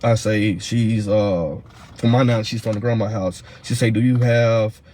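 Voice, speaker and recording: A man's voice: fairly low pitch, fairly even intonation, darkish tone, a little hiss or hum. A man retells, in a casual and heated way, how he searched for his missing daughter's mother, repeating himself often. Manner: fast, heated retelling full of fillers and repeats. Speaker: father of a missing woman's child. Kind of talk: casual storytelling.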